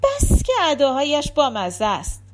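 A woman's voice: sits high, huge pitch swings, noisy background. A woman voicing a naive, cheeky young maid who answers back playfully. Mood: pert.

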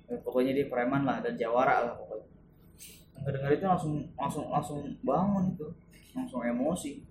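A man's voice: medium pitch, moderate pace. A man retelling a religious story in casual chat, acting out the quoted speakers. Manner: animated, acts out quoted speakers. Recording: echoey room with background noise.

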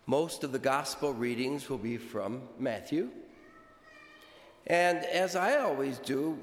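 A man serving as priest, reading the gospel and preaching a homily at Mass in a slow, measured way, his voice carrying a cathedral echo. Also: mid-range voice. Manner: slow, measured and deliberate delivery. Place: large church. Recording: roomy church with long reverb.

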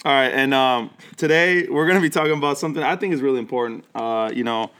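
A man's voice: medium pitch, fast, fairly bright tone, smooth. Laid-back young man hosting a podcast. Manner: laid-back, hesitant, many fillers and restarts. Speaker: podcast host and pastor. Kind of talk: casual chat. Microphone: studio microphone.

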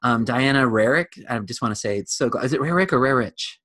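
A man's voice: medium pitch, quick pace, a bit bright, no echo. A man, a pastor, hosting a casual podcast interview, talking with many fillers and restarts.

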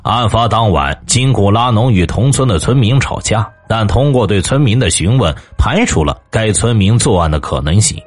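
Guy narrating a true crime case, bit husky, music low in the back. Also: normal speed, few pauses. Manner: storytelling, lively intonation. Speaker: host.

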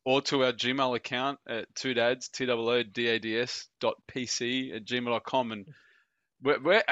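A man's voice: medium pitch, little pitch movement, normal speed, fairly bright tone, dry recording, muffled recording. A man co-hosting a podcast, chatting casually and joking with frequent laughs. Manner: jokey, laughs often, bantering. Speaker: podcast co-host. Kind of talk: casual chat.

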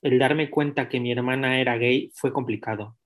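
A man's voice: mid-range voice, fairly even intonation, normal speed. A young man, a podcast guest telling his own story in a direct, candid way with many restarts. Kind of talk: personal storytelling in an interview.

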